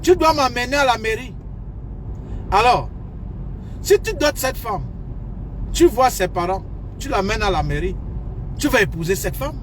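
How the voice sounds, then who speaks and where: High-voiced man lecturing over street noise. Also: animated, a little slow, pauses often, fairly bright tone. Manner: lecturing, repetitive, emphatic. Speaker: advice vlogger. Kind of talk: casual advice monologue.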